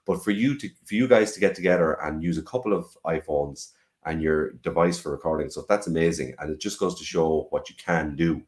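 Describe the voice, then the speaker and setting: A man's voice: very deep voice, brisk, a little mellow. An Irish-accented man hosting a casual chat show from his sunroom, effusive and exclamatory, often repeating his phrases. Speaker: host of an online music show. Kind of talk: casual chatty interview. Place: sunroom of a farmhouse. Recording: echoey room sound.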